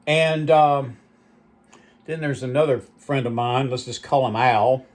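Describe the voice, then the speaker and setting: A man's voice: mid-range voice, fairly even intonation, unhurried. A man hosting his own channel, telling rambling, nostalgic stories with lots of asides. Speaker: channel host. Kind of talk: rambling reminiscing monologue.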